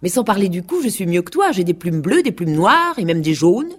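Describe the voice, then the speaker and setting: A woman's voice: very animated, fairly quick, husky. A woman voicing a vain, boastful rooster in a radio play, sneering and insolent. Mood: vexed, sneering. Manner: insolent and sneering, shrill when angry.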